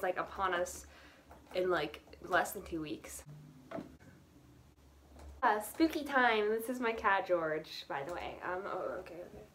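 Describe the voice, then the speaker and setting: Slight noise sits behind a teenage book vlogger whose mid-range voice has a somewhat bright quality. She chats casually to camera about books, giggly and rambling, with lots of filler words.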